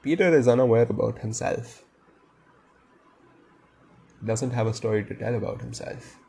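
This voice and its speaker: A man's voice: mid-range voice, fairly even intonation, normal speed, creaky, warm tone, husky. A man reading a novel aloud and stopping to muse on it enthusiastically. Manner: enthusiastic, muses aloud between passages. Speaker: reader discussing a novel.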